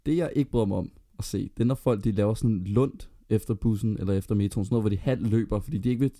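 A man's voice: lowish voice, dark tone. A Danish man co-hosting a podcast in casual chat, arguing his point and telling long anecdotes. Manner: argumentative, tells long anecdotes. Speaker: podcast co-host.

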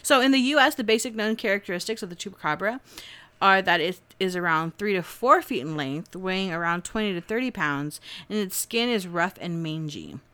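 A woman's voice: lowish voice, a little fast, sharp tone, clean tone. A woman co-hosting a casual podcast, chatting and laughing as she reads her notes aloud. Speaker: podcast co-host. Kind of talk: casual chat.

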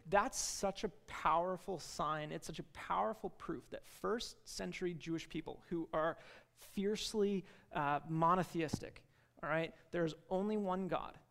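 A man's voice: sits high, a little slow, vocal fry, fairly bright tone, big-room sound. A man preaching a sermon, reading scripture aloud and then explaining it in a casual, conversational way with many fillers and asides. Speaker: pastor.

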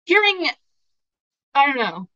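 A young woman with a bright, forceful, fairly high voice talks through a casual podcast chat, emotional and rambling, full of filler words. The sound is dry and slightly dull, like a lo-fi home recording. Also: sing-song, slow pace, no room sound. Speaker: podcast co-host.

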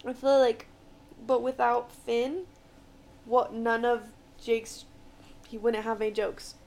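A woman's voice: fairly high pitch, steady tone, slow, a little mellow, a little hiss or hum. A young woman chatting as a podcast guest, arguing her opinions in a talkative way. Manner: chatty, argumentative. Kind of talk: casual chat.

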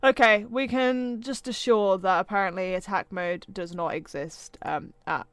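A woman's voice: mid-range voice, fairly even intonation, measured pace, smooth, no echo. A woman co-hosting a casual chat podcast, chatty and trailing off with ums, sometimes sounding sarcastic without meaning to. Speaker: podcast co-host.

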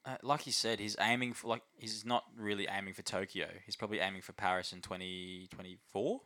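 Australian male podcast co-host, lowish forceful voice, slangy and matey sports banter. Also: steady tone, a little fast. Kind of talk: casual sports chat.

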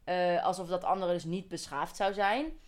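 A woman's voice: on the low side, moderate pace. A young woman from Holland co-hosting a podcast, talking casually and explaining her thoughts at length with small tangents. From Holland, Netherlands. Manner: explanatory, thinks aloud, goes on tangents. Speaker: podcast co-host. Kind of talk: casual chat.

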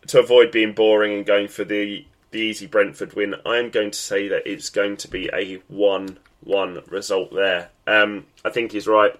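A man with a stuffy, nasal voice, chatting casually as the solo host of a football podcast, with plenty of ums and restarts. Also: lowish voice.

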